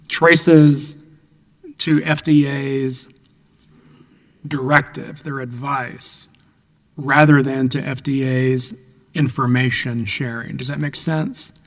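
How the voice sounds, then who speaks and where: Hoarse male judge in an echoing courtroom. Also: medium pitch, steady tone. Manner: measured, methodical questions. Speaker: appellate judge. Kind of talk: questioning counsel at oral argument. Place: appeals courtroom. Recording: long courtroom reverb.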